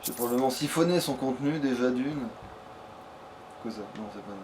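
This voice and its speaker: This man's mid-range, slightly mellow voice moves a little fast as he does casual let's play commentary. He swears, often mutters to himself while playing, and the background is clearly noisy.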